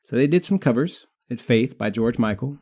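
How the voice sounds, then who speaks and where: Podcast co-host, man in his thirties, warm dark tone, teasing banter. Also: mid-range voice, expressive, moderate pace. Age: 30s. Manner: joking, teasing banter with frequent laughs. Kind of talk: casual podcast chat.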